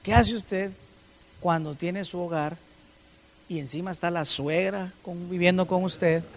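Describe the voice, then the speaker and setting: A man preaching a sermon, firing rhetorical questions at his congregation and swinging between loud and soft. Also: high-pitched, steady tone, a little slow. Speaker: pastor.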